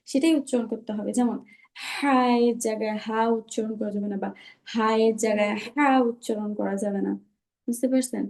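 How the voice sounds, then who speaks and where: Woman recitation teacher, patient, keeps checking understanding, mellow, pitched a bit high, video call. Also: gravelly. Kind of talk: online class explanation.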